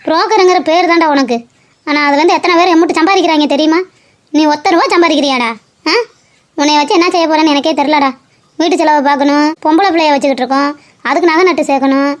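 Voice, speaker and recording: A woman's voice: high voice, steady tone, quick pace, natural voice. A woman voicing a bossy, chatty middle-aged wife in a cartoon comedy, scolding and lecturing.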